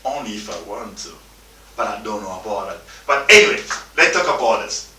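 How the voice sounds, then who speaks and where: Here a motivational speaker in his thirties, from the Democratic Republic of the Congo, pushes his message in emphatic, repetitive English with informal non-native phrasing. The voice is bright and forceful yet on the low side, swinging widely in pitch at a slightly fast pace. The echoey room makes him sound a bit distant, with faint music plus a little hiss or hum.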